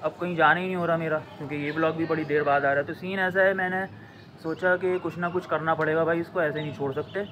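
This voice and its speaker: Young male vlogger, slow and halting, slightly high voice, noisy outdoor phone recording. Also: steady tone, fairly bright tone. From Pakistan. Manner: slow, drawn-out talk that stumbles over words. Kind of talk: casual vlog talk to camera. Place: outdoors on a home rooftop.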